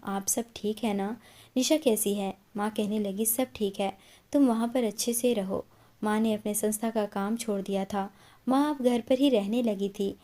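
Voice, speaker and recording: A woman's voice: mid-range voice, warm tone. Woman narrating an emotional story. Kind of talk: first-person story narration.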